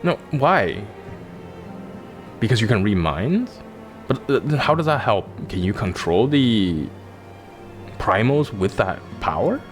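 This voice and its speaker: A man's voice: lowish voice, sing-song, takes it slowly, pauses often, soft background music. A man hosting a let's play, chatting casually and cracking jokes while he thinks aloud. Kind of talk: casual gameplay commentary.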